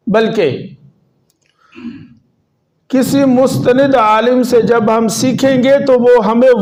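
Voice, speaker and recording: Man, fairly high voice, sermon, emphatic stresses, asks the crowd questions. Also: a little mellow. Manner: questions the audience and urges them to answer. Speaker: Islamic preacher.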